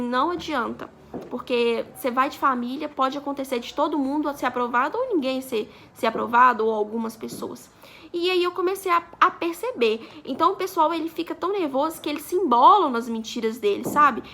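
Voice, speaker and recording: Bright, high-voiced young woman vlogger. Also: fairly quick, gravelly, a little hiss or hum. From Brazil. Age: 20s. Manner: chatty, acts out quoted dialogue. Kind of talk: casual storytelling vlog.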